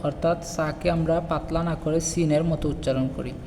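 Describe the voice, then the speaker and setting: A man teaching Quran recitation, explaining pronunciation and slowly chanting the verses in a drawn-out melodic style. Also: on the high side, fairly even intonation, mellow, slight background noise. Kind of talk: explaining recitation mistakes in Bengali. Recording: long reverb and faint music.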